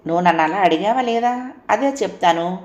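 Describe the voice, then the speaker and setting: A woman's voice: medium pitch, fairly quick, roomy sound, lightly acted. A woman voicing an outspoken housewife in an audio story, speaking firmly and frankly. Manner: firm, lecturing.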